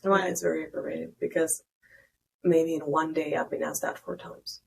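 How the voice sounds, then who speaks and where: A woman's voice: low voice, normal speed, creaky, slight background noise, low-quality recording. A woman from Spain with a Spanish accent, a podcast guest talking bluntly and casually. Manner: frank, blunt, animated storytelling.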